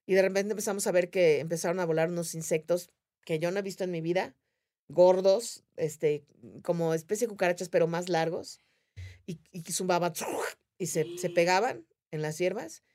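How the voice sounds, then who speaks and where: Lively Mexican woman telling a story. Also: fairly low pitch. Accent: Mexican Spanish. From Mérida, Mexico. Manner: animated, acts out voices of others in her story. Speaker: podcast guest. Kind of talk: casual storytelling.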